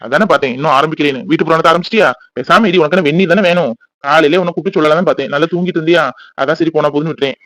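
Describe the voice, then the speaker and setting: A man's voice: on the high side, very fast, a bit bright, no room sound, lightly acted, rough recording. A man voicing a young cartoon husband and father who teases his wife and uses baby talk with his daughter. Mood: teasing. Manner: playful, teasing, baby talk to the child.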